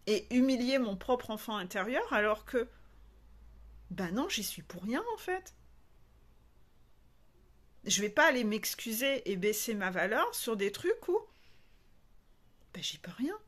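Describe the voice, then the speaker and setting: A woman's voice: fairly high pitch, big pitch swings, a little slow, long pauses. A woman spiritual coach talking frankly and animatedly to her viewers, acting out little scenes along the way. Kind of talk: casual monologue to viewers.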